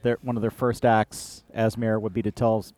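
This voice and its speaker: A man chats about local news on a podcast, his voice fairly low and the sound dry and close. He talks in a relaxed, unhurried way and stops often to restart a thought. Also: no room sound. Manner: relaxed, halting, many fillers and restarts. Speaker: podcast co-host. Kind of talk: casual political chat. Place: outdoor beer garden.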